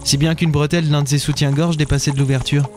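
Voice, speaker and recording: A man with a wry, deadpan delivery, narrating a comic radio serial as its lead character. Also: fairly high pitch, fast, faint music behind.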